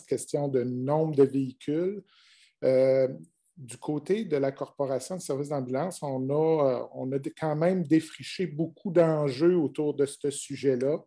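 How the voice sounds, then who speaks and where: A man's voice: medium pitch, warm tone. A man with a Québécois accent, the head of an ambulance association, asking a formal question with fillers over a video call. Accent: Québécois French. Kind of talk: question at a webinar.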